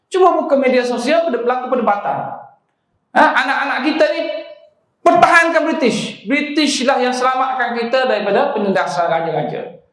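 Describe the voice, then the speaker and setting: A man lectures in a prayer hall, his voice echoing off the walls. He talks with rhetorical force, repeating his points and pushing listeners to follow with a quick "ha?". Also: very high-pitched, fairly bright tone. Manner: emphatic, rhetorical, keeps prompting listeners with "Ha?". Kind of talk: public lecture. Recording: echoey hall recording.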